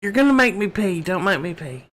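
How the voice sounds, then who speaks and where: A woman's voice: mid-range voice, very animated, brisk. A woman hosting a casual true crime vlog, loose and giggly, with swearing and offhand asides.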